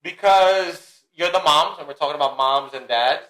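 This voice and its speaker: A man's voice: a little high, moderate pace, fairly bright tone. A man hosting a family podcast, playful and teasing, with hype-man energy. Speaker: podcast host and father. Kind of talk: casual family podcast chat. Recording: roomy echo.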